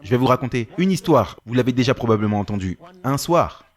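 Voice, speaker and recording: A man's voice: mid-range voice, animated, fast. A male preacher telling a story in a sermon, acting out the dialogue with animation.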